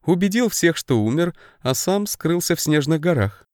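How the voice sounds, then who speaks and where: Мужчина читает аудиокнигу и озвучивает хитрого молодого принца, говорящего убедительно и слегка насмешливо, чуть выше своего голоса. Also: male voice, a little high, expressive, normal speed, a little mellow, no room sound, studio quality, pitched above the performer's own voice, natural voice. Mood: teasing. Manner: persuasive, mildly mocking. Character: sly young male prince, persuasive and lordly.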